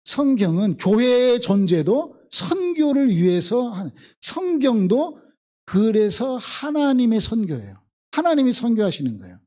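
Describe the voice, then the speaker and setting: A man's voice: very high voice, sing-song, a little slow, warm tone, lo-fi sound. A male pastor from the Jeolla region, preaching a sermon and acting out biblical voices with emphatic repetition. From Jeolla, South Korea.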